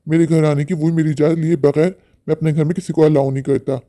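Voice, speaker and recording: A man voicing an arrogant rich boss in a cartoon, who talks in a scornful, harsh way and shouts others down. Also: fairly high pitch, little pitch movement, quick pace, close to an everyday voice. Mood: contemptuous. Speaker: cartoon character.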